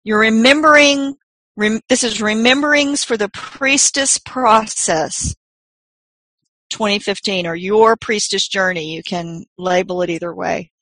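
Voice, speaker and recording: Woman, mid-pitched voice, slow pace, deliberate pauses, instructive meditation guide, dry close sound. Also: fairly bright tone, dry recording, low-quality recording. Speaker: spiritual workshop leader and meditation guide.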